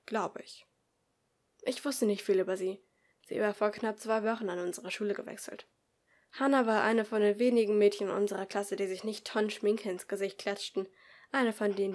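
A woman reading a first-person story as an amateur audiobook, expressive, dropping to a whisper for the narrator's inner thoughts. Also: mid-range voice. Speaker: audiobook reader.

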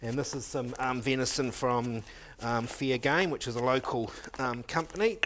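A middle-aged chef and cooking instructor demonstrates a recipe in a teaching kitchen, steadily explaining each step as he works, with the occasional "um". His voice is mid-range and moderately paced, and the recording is very noisy.

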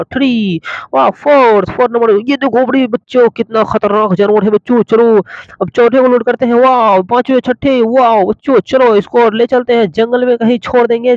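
A man hosting a toy video, narrating play for children with lots of excited exclamations. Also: very high voice, no echo. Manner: excitable, full of exclamations, addresses kids directly. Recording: dull lo-fi dry sound.

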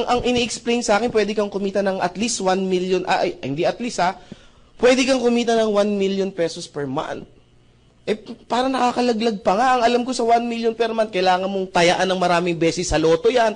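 Young man, from the Philippines, high voice, animated storytelling to an audience, acts out quotes. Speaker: speaker giving a testimony to an audience. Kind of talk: storytelling talk to a live audience.

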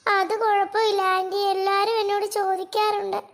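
Brief: voice actor as a whimpering little cartoon girl, piping and very high, pleading. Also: level tone, normal speed, a bit bright. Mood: sad. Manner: whiny, pleading. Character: small motherless girl, timid and tearful. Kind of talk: cartoon voice acting.

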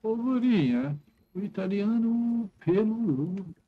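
Brincalhão brasileiro, narrando seu jogo. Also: male voice, high voice, takes it slowly, narrow, tinny audio. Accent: Brazilian Portuguese. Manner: jokey, teasing, animated banter. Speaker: streamer. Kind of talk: casual gaming chat with friends. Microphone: headset.

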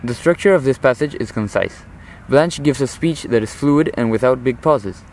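A man's voice: mid-range voice, animated, normal speed, a little mellow, slight background noise, rough recording. Teenage boy giving a formal literary commentary. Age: teens. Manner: formal, earnest, analytical. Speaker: high school student.

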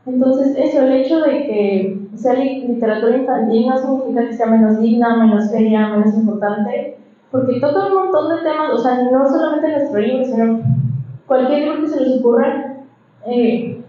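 A woman illustrator speaking at a book presentation in a large hall, in a lively, conversational way. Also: fairly high pitch, normal speed. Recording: echoey hall, muffled sound.

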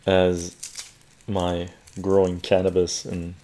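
A man's voice: low voice, slow, a little hiss or hum. An older man from Canada's West Coast chatting casually on a home live stream while peeling garlic, rambling and repeating phrases. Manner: relaxed, rambling, repeats phrases, laughs often. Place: living room at home, indoors.

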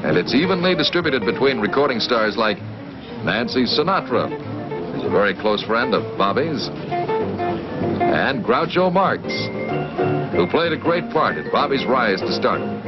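A man's voice: mid-range voice, huge pitch swings, measured pace, long pauses, highs cut off, loud music behind the voice. A man narrating a 1960s newsreel in an upbeat showbiz voice-over, with the sound of an old newsreel.

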